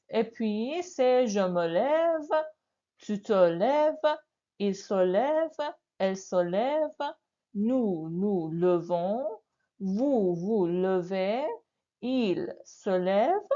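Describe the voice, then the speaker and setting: A woman teaches a beginner French grammar lesson at a very slow, deliberate pace. She repeats each form patiently and keeps checking in with her students. The recording sounds a little dull and lo-fi. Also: medium pitch, darkish tone. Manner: very slow, repeats words, often asks "n'est-ce pas?".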